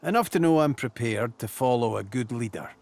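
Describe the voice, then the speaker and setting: An actor playing a gruff, salty old dwarf sailor in a video game, frank and plain-spoken with a soft heart. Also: male voice, mid-range voice, lively intonation, fairly quick. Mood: stern, warning.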